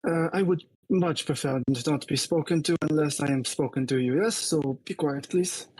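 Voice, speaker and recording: A man's voice: a little high, moderate pace, a little mellow, husky, no room sound, poor audio. A man playing a haughty, exasperated lieutenant in a tabletop game, condescending and mock-polite as he makes cool threats. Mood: haughty, dismissive.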